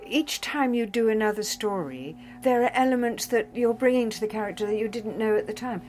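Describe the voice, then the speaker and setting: An older actress and narrator talking in a behind-the-scenes interview, emotional and effusive, and quick to laugh. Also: female voice, on the high side, a little mellow, faint music behind, low-quality recording.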